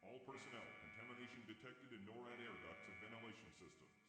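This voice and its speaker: A man's voice: medium pitch, quick pace, bright, forceful tone, faint music behind, natural voice. A man voicing an automated base security system in a video game, giving clipped, impersonal, urgent scripted warnings. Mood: stern alert. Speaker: warning announcer. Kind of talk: scripted game alert announcements.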